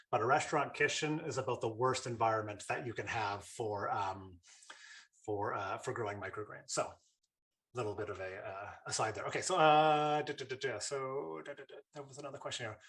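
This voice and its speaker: A man's voice: mid-range voice, fairly bright tone. Chatty man teaching a webinar. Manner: chatty, with fillers and repeated starts. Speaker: webinar presenter. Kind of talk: casual online teaching.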